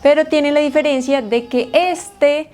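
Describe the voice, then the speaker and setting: Slow, higher-voiced woman teaching pronunciation. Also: fairly even intonation, a little mellow. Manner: slow and deliberate, repeating each word twice. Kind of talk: bilingual pronunciation lesson.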